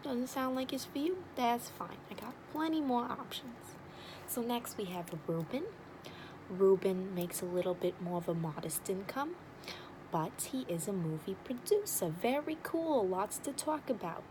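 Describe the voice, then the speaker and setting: A woman's voice: mid-range voice, a little slow, background noise, lightly acted. A woman playing a blunt, nosy, wisecracking matchmaker in an ASMR role-play, with an overdone regional accent and teasing sales patter. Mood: persuasive.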